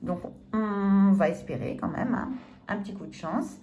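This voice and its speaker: A woman with a warm, mid-range voice speaks at a moderate pace while scratching a lottery ticket on camera, with a bit of hiss or hum audible. The scratch card vlogger chats casually, laughing at herself apologetically, recorded by the phone or camera filming the ticket.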